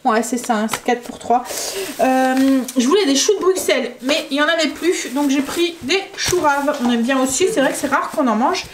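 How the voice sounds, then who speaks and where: Brief: high-voiced woman, northern French accent, chatty home vlogger who rambles and hesitates, noisy home recording. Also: moderate pace. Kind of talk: casual home vlog chat.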